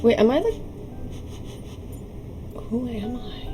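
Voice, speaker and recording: A woman's voice: a little high, takes it slowly. Sweary woman gamer over game music. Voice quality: non-rhotic speech impediment, soft R's. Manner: casual, sweary, animated reactions. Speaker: gaming host. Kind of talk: excited let's play commentary with read-aloud narration. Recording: loud music behind.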